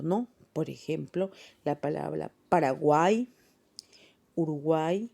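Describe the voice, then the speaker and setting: Lady teacher, slow and patient, keeps asking right? after each point. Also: low voice, mellow. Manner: patient, explains step by step with frequent tag questions. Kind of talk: classroom grammar lesson. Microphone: phone voice recorder.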